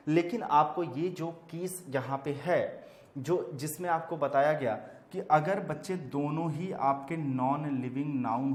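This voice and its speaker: A man's voice: a little high, reverberant. A man teaching English grammar with an Indian accent. He repeats terms for emphasis and calls his students children. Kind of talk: classroom lecture.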